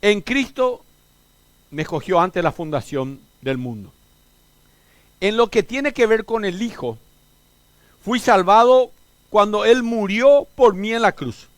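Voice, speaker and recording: A middle-aged man with a Paraguayan Spanish accent preaching a sermon as pastor, swinging from emphatic rises to soft, low asides. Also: animated, slow, long pauses, no echo.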